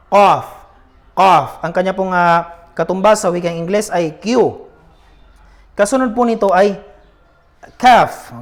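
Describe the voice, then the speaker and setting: A man teaching a beginner Arabic lesson, patiently repeating each letter sound and checking in with his students. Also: sits high.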